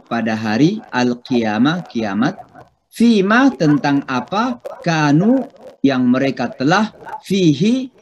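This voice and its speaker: A middle-aged man, an imam giving a slow, patient Quran recitation lesson that draws out the Arabic words. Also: medium pitch, a little mellow, dull audio, slight background noise. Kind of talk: Quran tafsir and tajwid lesson.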